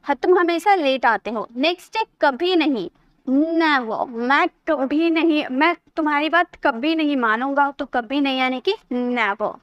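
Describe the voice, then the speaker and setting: Woman teacher, high voice, patient vocabulary explainer, dry close mic. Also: a little slow, dry recording, highs cut off. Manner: patient, explains with everyday example sentences. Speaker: English teacher. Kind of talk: vocabulary lesson.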